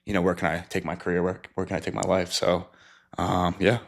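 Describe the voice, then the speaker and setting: A young man with a very low, flat voice talks quickly and casually about his career. He sounds relaxed and easygoing and laughs readily. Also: gravelly. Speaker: former football player and trainer. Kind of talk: casual interview answers.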